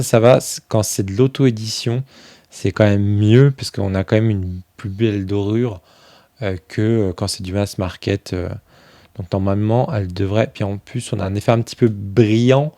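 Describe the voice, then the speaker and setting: A man chatting casually through a review of a tarot deck, filling pauses with "euh" and thinking aloud as he goes. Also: lowish voice, warm tone, no room sound. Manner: chatty, many fillers, thinks aloud while flipping cards.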